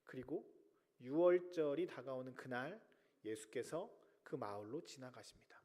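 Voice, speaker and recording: Dramatic pastor in a reverberant church. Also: male voice, medium pitch, normal speed. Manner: dramatic, swings between loud cries and hushed whispers. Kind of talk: sermon. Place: large church sanctuary. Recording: long reverb of a church hall.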